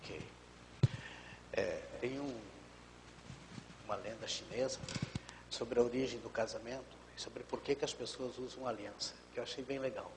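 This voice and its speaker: A pastor, calm and explanatory, often letting his sentences fade softly. His voice sits in a middle pitch for a man. The studio adds a long reverb tail and a faint hiss. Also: moderate pace, pauses often. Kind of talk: live TV studio talk.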